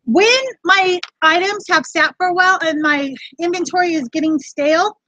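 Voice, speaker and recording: High-voiced chatty woman vlogger. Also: fairly even intonation, moderate pace, pushed and bright, no echo. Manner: chatty, talks straight to viewers in chat. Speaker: reseller vlog host. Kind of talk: casual livestream tutorial. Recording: dull lo-fi dry sound.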